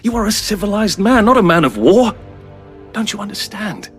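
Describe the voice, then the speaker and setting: Playing a zealous, earnest alien peace negotiator in an audio drama, a man speaks in a high, animated voice with a fairly bright tone at normal speed. Soft music plays behind his fervent, proud, persuasive oratory.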